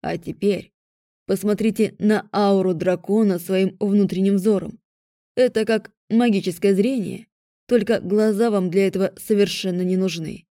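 A woman's voice: mid-range voice, fairly even intonation, moderate pace, mellow, no room sound, clean studio sound, natural voice. A woman voicing a weary, stern male dragon rector at a magic academy, who speaks in a tired, lecturing way. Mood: instructive.

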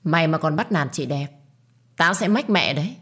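Woman doing a simple childlike young guy, blunt and protective, low voice, storybook. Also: animated, normal speed, fairly bright tone, slightly rough, full character voice.

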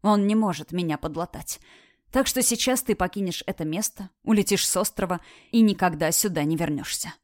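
A woman's voice: lowish voice, brisk, a little mellow, dry recording, studio quality, natural voice. A woman voicing a badly wounded young man who speaks firmly and tenderly, in an audiobook reading. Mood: resolute. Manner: firm, pleading.

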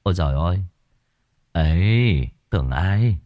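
A man's voice: lowish voice, expressive, normal speed, dry recording, muffled recording, lightly acted. A man voicing a swaggering gang leader who mocks his victims and fawns before the powerful. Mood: fawning. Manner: mocking, then fawning.

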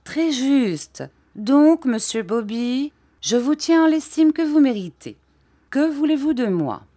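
A woman voicing an impatient French police chief, a middle-aged man who speaks in a dry, curt tone, in a slow audiobook reading. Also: high-pitched, very animated, mellow, dry recording, voice pushed up, exaggerated voice.

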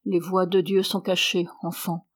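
A woman reading aloud, voicing an anxious aristocratic mother who speaks in a hushed, grave way. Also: fairly low pitch, fairly even intonation, moderate pace, close to an everyday voice.

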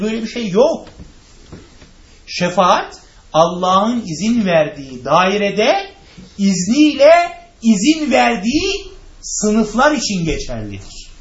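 A man's voice: high-pitched, roomy sound, highs cut off. A man teaching a religious class who asks rhetorical questions, answers them himself and speaks straight to his listeners. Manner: addresses listeners directly. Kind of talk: lecture to a class.

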